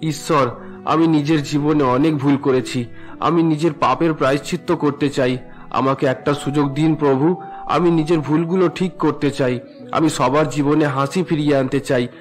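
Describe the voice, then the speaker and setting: A drunken cartoon husband, voiced by a man speaks in a fairly high voice, gruff and demanding one moment and desperately pleading the next. Music plays softly behind him. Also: steady tone, moderate pace, lightly acted. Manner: demanding and gruff with his wife, pleading with God. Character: drunken husband, male, bullying then repentant.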